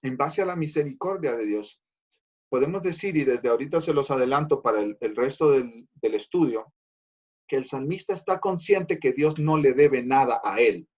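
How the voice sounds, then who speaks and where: A man's voice: medium pitch, lively intonation, moderate pace, a little mellow, lo-fi sound. A man preaching a Bible study as pastor, earnest and repeating phrases for emphasis, addressing listeners as his brothers.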